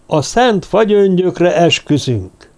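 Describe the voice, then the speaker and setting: A man reading an audiobook, voicing a crowd of male cult druids who answer slowly in unison. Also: high voice, lively intonation, darkish tone, pitched above the performer's own voice. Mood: chanting. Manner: slow, droning, answering in unison. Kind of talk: audiobook character voice.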